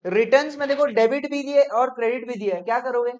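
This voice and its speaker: A man teaching accounts in a classroom lecture, brisk and coaxing, often checking whether students follow. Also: very high-pitched. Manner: brisk, coaxing, peppered with "theek hai?". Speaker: commerce teacher. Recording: dull lo-fi classroom recording.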